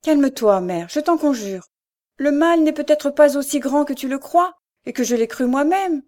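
Tender storybook daughter, soft and pleading, read by a woman. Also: high-pitched, expressive, normal speed, voice pushed up. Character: gentle young woman hiding her failing sight.

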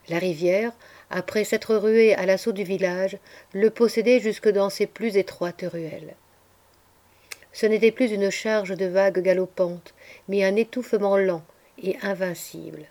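A woman narrating a literary audiobook in a measured, expressive storytelling voice. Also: medium pitch. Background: faint background music.

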